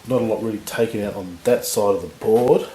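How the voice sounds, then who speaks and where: A man with a husky voice from recent illness, giving relaxed, rambling commentary on a tabletop battle. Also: fairly low pitch, brisk. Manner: relaxed, rambling, lots of fillers. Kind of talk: casual game commentary. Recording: echoey room with faint noise.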